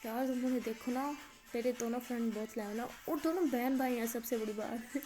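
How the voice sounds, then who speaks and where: A woman's voice: fairly high pitch, steady tone, lightly acted. Woman playing Maya, a teasing young girlfriend. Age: young adult. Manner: playful, doting, exclaims often.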